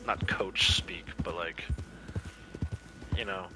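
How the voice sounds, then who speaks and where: A man's voice: sits low, fairly even intonation, slow pace, music in the background. A man streaming a game, chatting casually and opinionated, rambling with lots of fillers. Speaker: gaming streamer. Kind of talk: casual livestream chat while playing.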